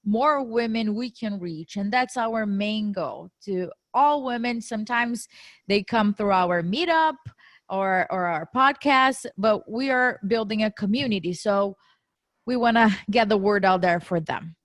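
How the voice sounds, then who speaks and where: A woman co-hosts a casual podcast, talking animatedly in a medium-pitched voice at a measured pace. She has a non-native English accent, laughs often, and jokes about her own grammar slips. The recording is studio quality with no room sound.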